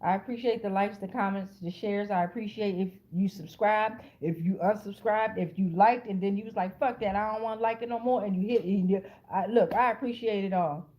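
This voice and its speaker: On a muffled recording, an American woman talks briskly at medium pitch with few pauses. The channel's tarot reader, she ad-libs a laid-back reading for viewers online, swearing liberally, speaking bluntly with street smarts, and hammering points home through repetition.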